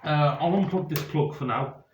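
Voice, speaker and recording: Handling his gear in a room where a camera operator films, a man who works as a DJ walks through a casual how-to, rambling and restarting sentences. He speaks at normal speed in a voice on the high side. Background noise runs through the roomy, slightly dull home video audio.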